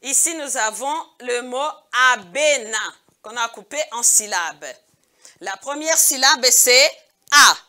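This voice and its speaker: A woman's voice: a little high, lively intonation, a little slow, bright, forceful tone. A woman teaching kindergarten pupils in a recorded video lesson, speaking patiently and saying each word twice. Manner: addresses pupils as "mes amis".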